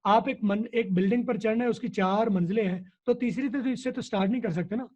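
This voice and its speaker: A man talks like a teacher, repeating key words so they stick. His voice is high for a man yet mellow and husky. The recording sounds dull and lo-fi. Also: brisk. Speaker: English teacher. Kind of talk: explanatory interview answers.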